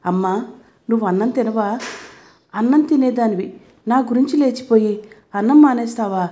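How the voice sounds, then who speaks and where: Woman reading a sick young husband in a spoken story: heated, scolding, soft-toned. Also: fairly high pitch, moderate pace, a little hiss or hum, voice pushed up, natural voice. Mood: hurt.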